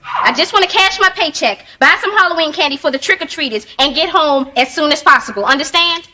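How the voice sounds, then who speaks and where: A woman's voice: high voice, fairly quick. A woman playing an exasperated, put-upon young woman, firm and annoyed, in a sitcom. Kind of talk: sitcom acting. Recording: noisy sitcom soundstage with loud studio audience.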